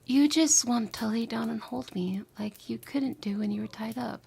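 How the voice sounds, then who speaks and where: Tender and devoted, she voices the lovesick ex-bully back from the future in this intimate ASMR roleplay, her voice on the high side with a darkish tone. The delivery is breathy, emotional and halting, often falling to a whisper, and a little hiss or hum sits under it.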